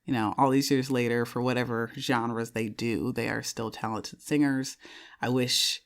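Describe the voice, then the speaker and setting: A woman's voice: rumbling low, fairly even intonation, normal speed. A woman in her thirties, a podcast host sitting in as the guest, chatting casually and rambling, correcting herself and laughing often.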